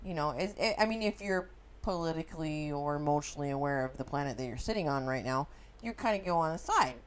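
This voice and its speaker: Low-voiced woman in casual chat. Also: animated, quick pace. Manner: opinionated, swears. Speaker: movie discussion participant.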